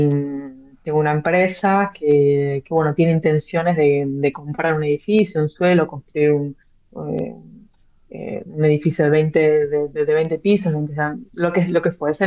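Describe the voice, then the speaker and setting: A woman with a deep, steady voice, an author appearing as a blockchain real estate guest, answers interview questions a little slowly. She often hesitates, using fillers and repeating words. The recording sounds dull and lo-fi.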